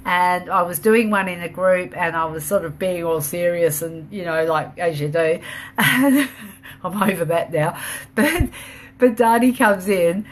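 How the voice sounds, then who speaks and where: A woman's voice: fairly low pitch, a little slow. Chatty woman hosting a home live stream. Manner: chatty and rambling, reads out and answers viewer comments; laughs easily, upbeat. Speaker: home business owner hosting a live video. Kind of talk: casual live-stream chat.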